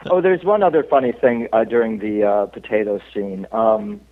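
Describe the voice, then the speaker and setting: A male actor, a guest on an interview show, telling stories in relaxed chat, laughing often and stopping on many fillers. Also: on the low side, normal speed. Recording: tinny phone line.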